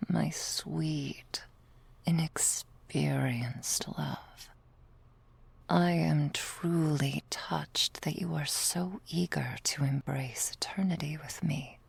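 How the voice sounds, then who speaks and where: In a whispered ASMR roleplay, a woman plays a loving, patient vampire girlfriend, fully in character. Her voice is low and soft, breathy, extremely slow, with tender, languid, formal phrasing.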